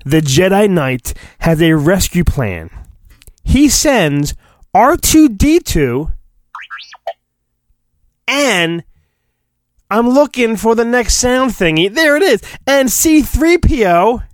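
Slow and full of long pauses, his high-pitched voice swings widely as a middle-aged American podcast host reads a storybook theatrically. He keeps interrupting himself with loose, wisecracking remarks. Though it has studio quality, he recorded it at home on his phone, with a roomy echo and faint music in the background.

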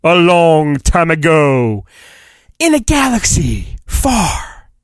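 This middle-aged American man, a podcast host, gives a storybook a dramatic reading in a fairly high voice with wildly swooping pitch at a slow pace. He's informal and wisecracking, interrupting himself with asides. The sound is called studio quality, though it's a homemade phone recording with roomy echo and faint music.

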